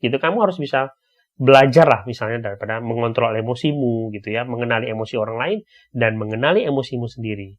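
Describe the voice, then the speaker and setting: Man explaining in a casual way. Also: medium pitch. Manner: conversational, frequent tag questions.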